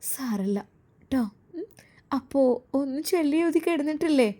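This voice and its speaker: A woman doing a soft devoted young wife. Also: sits high, animated, normal speed, pitched above the performer's own voice. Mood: concerned. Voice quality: soft, hushed.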